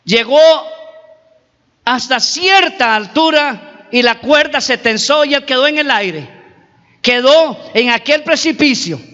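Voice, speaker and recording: A man's voice: extremely high pitch, animated, slow, pushed and bright. A man preaching a sermon as pastor, emphatic, repeating and stretching key words. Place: church hall. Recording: reverberant hall, dull lo-fi recording.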